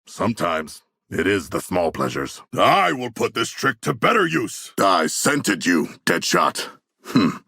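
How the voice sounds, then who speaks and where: Big raspy shark man from a video game, super formal and grandiose, earnest but bloodthirsty, swings way up and down. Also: sits low, sing-song, a little slow, pushed and bright, no room sound, studio quality, exaggerated voice. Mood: dry, deliberate. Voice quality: gravelly, rough. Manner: stilted formal diction, grandiose, literal-minded. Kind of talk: video game character voice lines.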